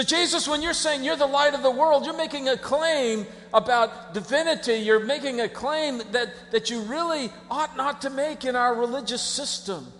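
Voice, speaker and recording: A male pastor preaching a sermon, dramatic, swinging between hushed tones and shouts. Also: very high-pitched, big-room sound.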